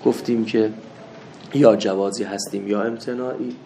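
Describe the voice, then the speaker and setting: A man teaching a seminary lesson, mixing anecdotes with doctrine, swinging from loud rebukes to soft asides. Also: lowish voice, steady tone, gravelly, a little hiss or hum. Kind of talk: religious lecture with anecdotes. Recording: echoey room with faint ambience.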